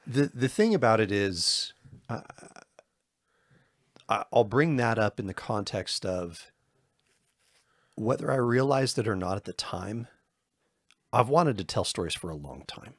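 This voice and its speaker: On the low side, with lively intonation, a man co-hosts a casual podcast at a measured pace marked by long pauses. He rambles loosely and jokes at his own expense, recorded in a clean studio without echo.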